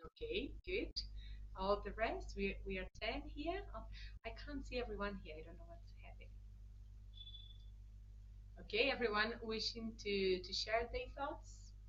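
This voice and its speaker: A woman from Brazil speaks English as interpreter for an online session. Her voice sits at an ordinary middle pitch. She explains carefully, restarting phrases and checking in, over slightly muffled call audio with a faint hum. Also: expressive, unhurried, pauses often, a bit bright.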